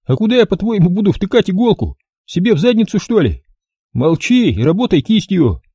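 A man voicing a brash, crude prankster sidekick who jokes loudly and mockingly in an audiobook. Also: high voice, sing-song, fairly quick, breathy edge, dry recording, voice pushed up, full character voice. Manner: mocking, cheeky, loud.

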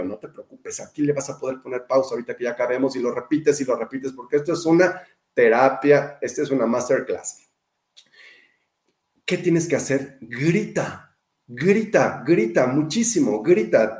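A man with a Mexican Spanish accent gives a biodecoding talk to an online audience in a mid-range, slightly mellow voice, with a roomy sound. He speaks emphatically, listing phrases in repeated runs and asking and answering his own questions.

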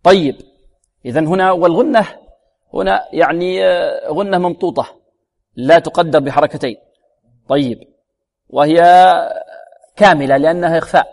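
A man teaching Quran recitation rules, quizzing his listeners with repeated questions and slowly demonstrating each sound. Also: a little high, vocal fry, a little mellow. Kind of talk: tajweed lesson. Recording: long reverberant hall.

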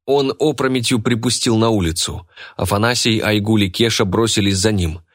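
Guy reading an audiobook, lowish voice, steady, dry close sound. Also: normal speed, no room sound. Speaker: narrator. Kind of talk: audiobook narration.

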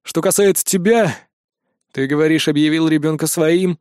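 A man's voice: a little high, normal speed, darkish tone, smooth, dry recording, studio quality, lightly acted. A man playing a brash, laid-back male friend who lectures bluntly in slang. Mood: lecturing.

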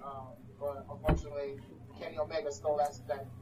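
A man co-hosting a casual wrestling podcast, crude and excitable, swearing a lot. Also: a little high, quick pace, background noise. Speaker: podcast co-host.

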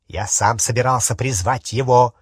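A male audiobook reader voicing a proud aristocratic male wizard who speaks loudly and insistently. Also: mid-range voice, fairly even intonation, normal speed, slightly rough, dry recording, lightly acted.

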